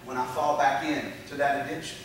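Here a middle-aged pastor with a medium-pitched voice preaches briskly, his intonation fairly even, stacking up emphatic lists of repeated phrases in a repetitive style. He uses a handheld mic on a dark church stage with a projection screen. Recorded by a distant camera, the audio is echoey, from far off in the hall, with a little hiss or hum.

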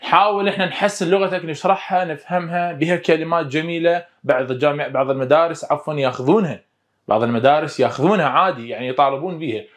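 A male English teacher with an Iraqi Arabic accent gives a lively online lesson, coaxing students and repeating English words slowly for them to echo. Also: fairly high pitch.

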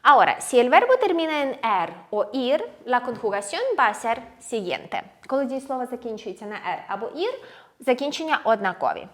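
A woman teaching Spanish grammar in a language lesson, alternating explanations with slowly drilled verb forms. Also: on the high side, very animated, fairly bright tone. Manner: switches between Ukrainian and slow, drilled Spanish words; clear, measured explaining with stressed endings.

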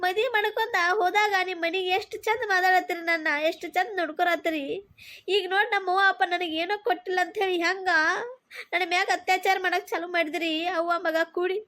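Woman voicing a very high-pitched cartoon bride, belagavi accent, whiny and hurt. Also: steady tone, fast talker, fairly bright tone. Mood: complaining. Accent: Belagavi Kannada. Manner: complaining, tearful protest. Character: young aggrieved daughter-in-law, love-married bride. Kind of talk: cartoon comedy voice acting.

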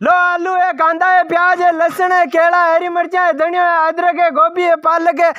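A man's voice: very high voice, monotone, normal speed, no room sound, muffled recording. A man playing an emotional village man who later calls out vegetables for sale like a street hawker. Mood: hawking. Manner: pleading and sentimental, then loud street hawking. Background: background music.

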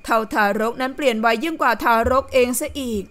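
A woman reading an audio novel aloud in steady, unhurried scripted narration. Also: high-pitched.

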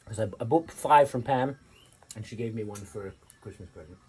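A man hosting his own channel, chatting casually and telling stories with lively pitch jumps while eating. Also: brisk, slight background noise. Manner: animated storyteller with sudden pitch jumps. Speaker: channel host.

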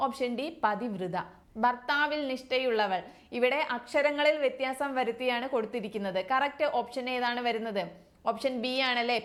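A woman from Kerala teaching an exam prep language lesson, reading each multiple-choice option and then confirming the answer with a steady "okay, next". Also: on the high side. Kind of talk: quiz-style language lesson.

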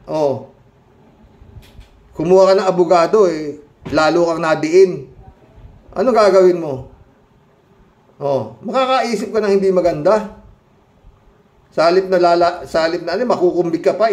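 A man's voice: high-pitched, normal speed, long pauses. A middle-aged man giving casual spoken commentary to viewers, emphatic and heated, firing rhetorical questions with frequent interjections. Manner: quieter and more subdued when reading comments and signing off.

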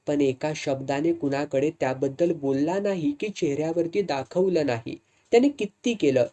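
A woman's voice: low-pitched, mellow. A woman voicing a proud, firm older sister in a read-aloud story. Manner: firm, stern.

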